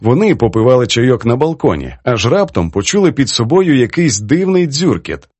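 A man narrating an audiobook with an expressive reading. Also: medium pitch, normal speed, breathy edge, dry recording. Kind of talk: scripted narration.

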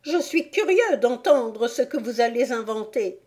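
A woman playing a big male pigeon from an audiobook, shrill and sobbing. He sounds indignant and accusing, pitched well above a plain speaking voice. The delivery is slow and unhurried. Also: lively intonation, a little mellow. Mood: scornful. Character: big, fretful, menacing male pigeon guarding eggs. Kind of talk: audiobook character voice.

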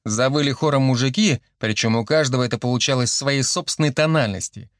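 A man reading an audiobook in steady storytelling narration. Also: medium pitch, fast, no echo, clean studio sound.

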